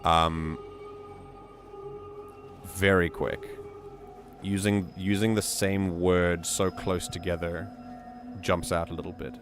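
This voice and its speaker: A man hosting a reading stream, reading a community story aloud in a measured way with joking asides. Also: deep voice, little pitch movement, over music.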